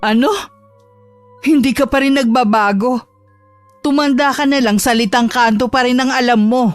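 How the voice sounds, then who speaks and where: A haughty, newly rich mother played by a woman with a slightly high voice and a cold, condescending edge. She argues defiantly and never backs down. Dry, close sound with faint music behind. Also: steady tone, moderate pace, dry recording, lightly acted. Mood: scornful. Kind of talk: Tagalog audio drama acting.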